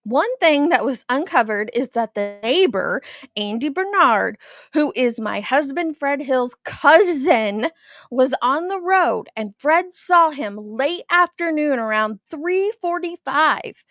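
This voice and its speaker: A woman's voice: high-pitched, animated, slow, fairly bright tone, no room sound, clean studio sound. A woman with a lisp and whistling s, hosting a casual livestream commentary in a blunt, skeptical manner. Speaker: host.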